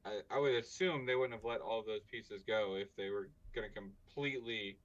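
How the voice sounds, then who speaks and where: Bright-voiced man on a dull recording. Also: fairly low pitch. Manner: halting, lots of likes and restarts. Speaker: podcast co-host. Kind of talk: casual sports chat.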